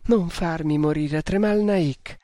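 A man puts on a frightened young woman who pleads and warns in a trembling, breaking voice. She sits a little high and lifts sharply in her despair. The reading is dry and close. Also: a little slow, a little mellow, no echo, lightly acted. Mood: anguished pleading. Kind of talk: audiobook reading.

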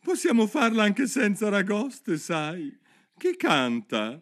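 A man voicing a sorrowful, weepy sea turtle creature in a storybook reading, with a shrill, wailing, drawn-out delivery. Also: wildly swooping pitch, heavily acted. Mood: wistful.

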